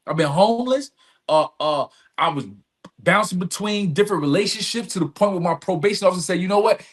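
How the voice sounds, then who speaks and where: His voice is high with lively intonation, and he speaks fairly quickly while recounting personal stories on a podcast. The long-form talk is candid and emphatic, laced with street slang and repeated lines.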